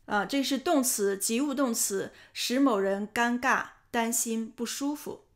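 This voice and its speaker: A woman with a fairly high voice explains English words, sounds and sentence stress for learners. She talks in a patient, clear teaching manner. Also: measured pace. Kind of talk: explanatory lesson narration.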